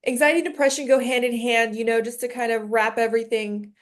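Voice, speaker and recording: A woman co-host explains things in a measured, informative way and now and then stops on an um. Her voice is a little high. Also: steady tone. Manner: measured and informative, with filler ums. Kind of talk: casual chat.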